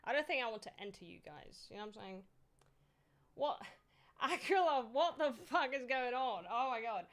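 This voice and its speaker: A young woman streaming live, chatting casually with viewers, excitable and swearing freely as she thanks them. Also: on the high side, normal speed.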